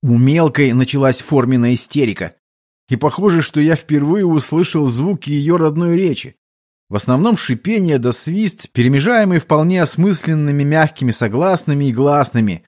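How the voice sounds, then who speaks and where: A man narrating a fantasy novel as an audiobook, in a wry, expressive reading voice. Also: mid-range voice, normal speed, no echo, clean studio sound.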